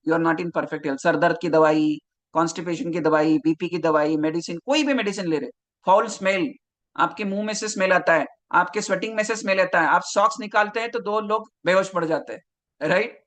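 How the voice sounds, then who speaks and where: A male health coach runs a live online class, speaking straight to his viewers and calling out their names from the chat. His voice sits high and sounds bright and forceful. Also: brisk.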